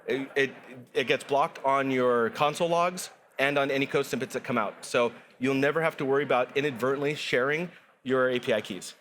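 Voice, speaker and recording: An upbeat man walks through a software product on a conference studio set, his pitch mid-range. He explains eagerly and restarts his phrases now and then. Faint noise sits in the background. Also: fairly quick. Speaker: product guest.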